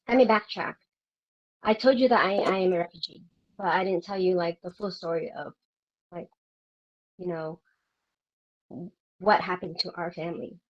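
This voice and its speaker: A woman's voice: medium pitch, a little slow, pauses often. Earnest woman on muffled lo-fi audio. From Vietnam. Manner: earnest, reflective, with hesitant restarts. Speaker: guest. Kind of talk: personal interview storytelling.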